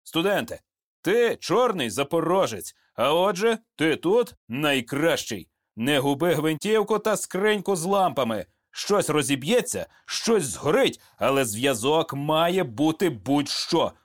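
A man's voice: a little high, very animated, unhurried, voice pushed up. A man playing a bantering veteran sergeant. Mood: encouraging. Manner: bantering, coarse humor, giving orders. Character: joking, seasoned male sergeant, fatherly and blunt.

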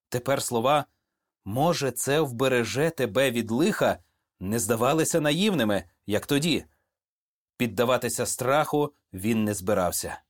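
A man narrating a story in audiobook style, telling it expressively. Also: medium pitch. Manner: expressive storytelling, acts out characters.

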